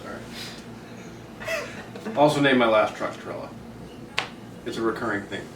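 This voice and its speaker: A man's voice: fairly low pitch, moderate pace, noisy background. Interview guest, male, Vermont accent, casual and self-deprecating rambler, distant mic in an echoey room. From Vermont, US Northeast.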